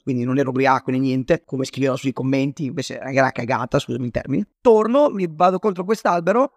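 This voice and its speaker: A young man from Naples, an interview guest, telling a personal story in a rapid, animated way, often correcting himself. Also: medium pitch, no room sound. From Naples, Italy.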